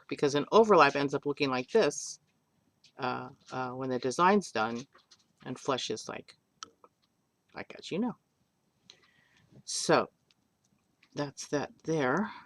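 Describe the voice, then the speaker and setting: Slow, gravelly older woman teaching crafts. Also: low voice, no room sound. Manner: rambling, joking, self-deprecating. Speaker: polymer clay artist teaching. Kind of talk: chatty craft tutorial. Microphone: webcam.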